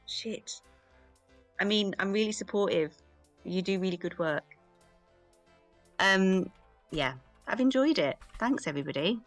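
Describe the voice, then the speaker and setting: A woman's voice: mid-range voice, lively intonation, moderate pace, long pauses, dry recording, faint music behind. A woman chatting casually as a guest on a live stream, frank and teasing, swearing freely. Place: home streaming setup.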